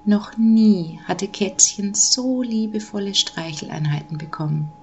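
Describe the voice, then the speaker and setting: A woman gently reading a children's Christmas story aloud, measured and calm. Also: medium pitch, dull audio, a little hiss or hum.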